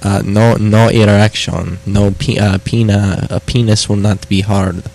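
On a prank call, a man plays an insistent foreign doctor delivering test results, speaking hesitant broken English with dropped endings and repeating himself. His voice is lowish, flat, unhurried and a little mellow, with vocal fry, and the audio is poor.

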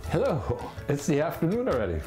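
With a slightly high voice and a slightly quick pace, a man hosts an informal cooking demo indoors in his home kitchen. He chats comfortably through every step, thinking out loud with plenty of fillers. A fixed camera records him from afar, and music plays behind him.

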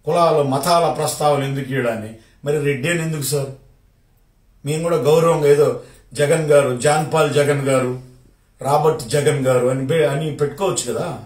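A man's voice: fairly high pitch, fairly even intonation, a little mellow, roomy sound. Rayalaseema guy going off on a minister, question after question, sounds far from the mic. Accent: Rayalaseema Telugu. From Kadapa district, Rayalaseema, India. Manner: sarcastic, confrontational, rapid rhetorical questions. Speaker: party supporter. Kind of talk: political rant to a minister.

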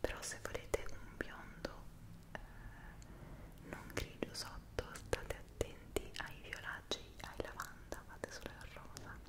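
A woman whispers a casual, unhurried ASMR chat, very hushed and close to the microphone, pausing to search for words. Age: 20s. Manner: hushed whisper, speaking very softly. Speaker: ASMR creator. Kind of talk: whispered ASMR chat about personal routine. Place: small indoor room. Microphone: two close side microphones in front.

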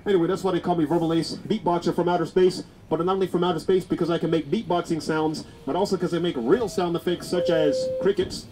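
A man performing for passengers in a moving subway car, pitching his act like a showman. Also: steady tone, fast talker, few pauses. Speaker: street beatbox performer. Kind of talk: busking show patter. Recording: loud subway train noise.

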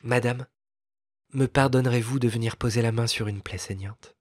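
A man voicing a kind young lady in a storybook reading, speaking softly and coaxingly. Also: mid-range voice, steady tone, moderate pace, no room sound, studio quality, lightly acted. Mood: tactful. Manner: soft, coaxing, tactful.

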